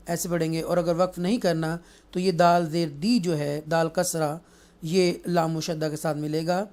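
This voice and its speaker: A man teaches the rules of Quran recitation at an unhurried pace. His voice is smooth and clear, and he switches between explanation and slow, drawn-out chanted recitation. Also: on the high side, darkish tone. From Pakistan. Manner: explains rules in Urdu mixed with English, then recites verses slowly and melodiously. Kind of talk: tajweed lesson, explaining and reciting.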